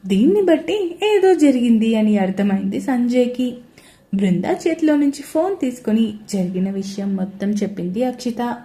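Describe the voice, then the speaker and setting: A woman narrating a romantic audio story in a steady, even way. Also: a little high, normal speed.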